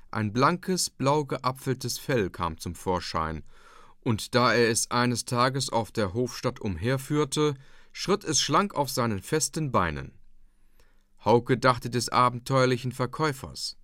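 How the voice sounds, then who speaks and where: A man narrating a classic novella in a measured, expressive storytelling manner. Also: mid-range voice, no echo, studio quality. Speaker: audiobook narrator.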